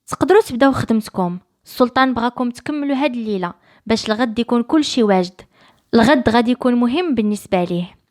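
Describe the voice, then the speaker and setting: A woman's voice: a little high, animated, racing, a little mellow, lightly acted. A woman with a Moroccan accent voicing a bossy servant of the sultan who gives curt orders. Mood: commanding.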